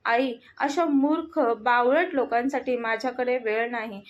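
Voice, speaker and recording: Woman reading as a bossy young businessman, harsh and commanding, high voice, dull lo-fi sound. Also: steady tone, a little slow, lightly acted. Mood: harsh, irritated. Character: arrogant, short-tempered young businessman husband. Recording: dull lo-fi audio.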